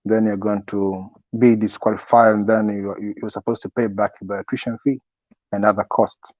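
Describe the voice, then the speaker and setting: A young man in a casual interview, giving advice as a student guest in a halting way, often repeating his words. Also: fairly low pitch, level tone, darkish tone. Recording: echoey, dull lo-fi sound.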